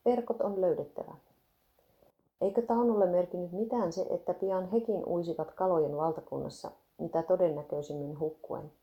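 A woman narrating a devotional story aloud in a steady, even reading. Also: on the low side, few pauses, highs cut off.

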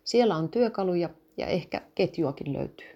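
A woman's voice: lowish voice, animated, dull audio. A woman voicing a friendly van driver who offers help. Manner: friendly and helpful.

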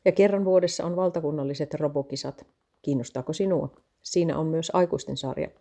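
A woman's voice: low-pitched, warm tone. A woman reading as an eager male vicar. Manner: eager, salesy, enthusiastic listing. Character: cheerful male vicar showing off parish clubs. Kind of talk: read-aloud story dialogue.

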